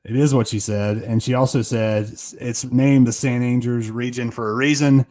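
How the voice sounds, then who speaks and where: A man's voice: medium pitch, fairly even intonation, a little mellow. A man co-hosting a casual sports podcast, playful and jokey, running a bracket vote. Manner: playful, jokey, quick asides. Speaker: podcast co-host.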